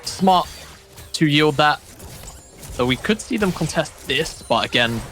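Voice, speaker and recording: A male esports caster calls the game from a studio desk, his voice lively and bright, rising and falling a lot as he talks fast. He laughs easily between calls, and faint game music sits behind him. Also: a little high. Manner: fast, animated, laughs often. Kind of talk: play-by-play commentary and banter.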